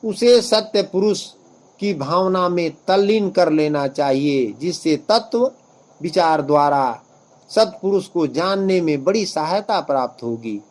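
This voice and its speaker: A man giving a devotional commentary on scripture, explaining it in a slow, measured way and chanting verses in a long, drawn-out style. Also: a little high, expressive, darkish tone, low-quality recording. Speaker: religious scripture expounder.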